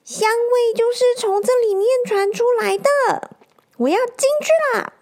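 A woman voicing an eager little boy hedgehog in a storybook reading, speaking in a stammering, excited way. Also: extremely high pitch, unhurried, pitched above the performer's own voice.

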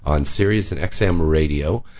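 A man hosting a casual radio talk show, excitable and profane. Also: very deep voice, normal speed, lo-fi sound.

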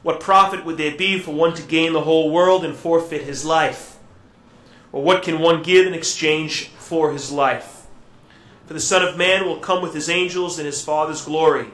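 Priest preaching in cathedral echo. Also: male voice, a little high, fairly even intonation. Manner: gentle and reflective, with halting fillers in his own words. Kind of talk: Gospel reading and homily at Mass. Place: church during Mass. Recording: echoey church room.

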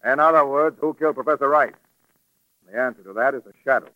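An actor playing a blunt, stubborn police commissioner in a 1940s radio drama, emphatic and matter-of-fact. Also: male voice, medium pitch, quick pace, no room sound, narrow, tinny audio, lightly acted. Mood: brusque. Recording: dry vintage radio recording.

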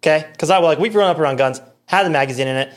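A man with an American accent, a podcast guest, telling a story in casual, animated chat with lots of fillers and quoted voices. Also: fairly high pitch, racing.

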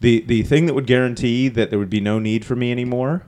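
A man's voice: medium pitch, steady tone, fast talker, darkish tone. A man hosting an outdoor adventure podcast in a casual, chatty way, laughing easily. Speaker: podcast host.

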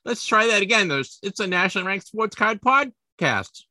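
A man's voice: high-pitched, lively intonation, normal speed, bright, forceful tone, dry recording. A man hosting a sports collectibles podcast, chatting casually, rambling and poking fun at himself as he trips over his words. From Boston area, US. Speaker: podcast host.

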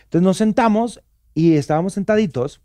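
A man telling a lively anecdote in casual chat, swearing freely as he goes. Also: high voice, brisk, dry recording, clean studio sound. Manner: animated storyteller, swears casually. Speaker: theater producer.

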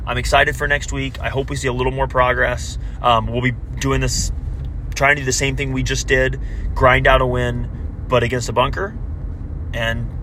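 Man, bright tense voice, low-quality audio from a moving car, faint road noise, self-correcting. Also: flat delivery, normal speed. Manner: talks through standings with frequent self-corrections. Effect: low-quality audio recorded while driving. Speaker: podcast co-host. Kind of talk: casual soccer recap chat.

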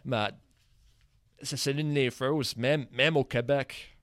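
A man with an Acadian French accent hosting a casual podcast chat, speaking haltingly with many restarts. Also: mid-range voice, fairly even intonation, no echo, studio quality. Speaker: podcast host.

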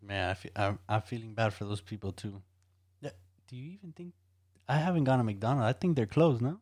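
A man's voice: mid-range voice, a little fast, darkish tone, studio quality. A man co-hosting a casual chat, laughing along and echoing his partner. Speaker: podcast co-host.

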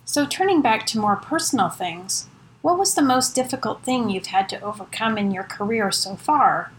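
A woman's voice: mid-range voice, animated, normal speed, a little hiss or hum, low-quality recording. A woman interviewing a researcher, asking plain, direct questions.

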